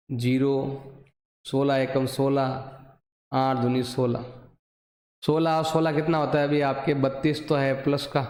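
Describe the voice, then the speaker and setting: A man's voice: mid-range voice, a little mellow. A male math teacher with a Hindi accent explaining a lesson step by step, asking and answering his own questions. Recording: echoey room, voice drifting from the mic.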